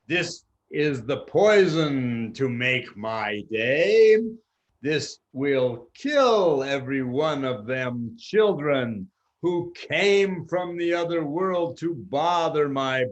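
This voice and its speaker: A man voicing a wicked old magician in a storytime tale, chanting slow, menacing sing-song rhymes. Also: medium pitch. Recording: dull lo-fi recording.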